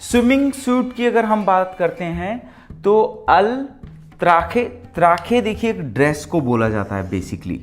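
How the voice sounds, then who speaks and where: A man's voice: high voice, big pitch swings. Male language teacher, casual classroom delivery, stretches out each vocab word and spells it aloud, faint music underneath. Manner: slow, drawn-out repetition of foreign words; spells words out letter by letter. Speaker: Spanish teacher. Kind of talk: beginner language lesson at a whiteboard.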